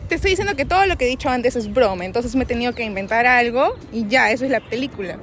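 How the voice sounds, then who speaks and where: A woman's voice: on the high side, animated, fast talker, fairly bright tone, a little hiss or hum. A young woman outdoors in a park, speaking into a handheld mic, coaxing and pleading with her boyfriend during a street prank. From Peru. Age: young adult. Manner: coaxing, pleading, then indignant. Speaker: prankster girlfriend.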